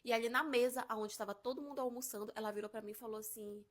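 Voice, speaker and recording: A young woman casually telling a personal story, animated and acting out the quotes. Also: a little high, racing.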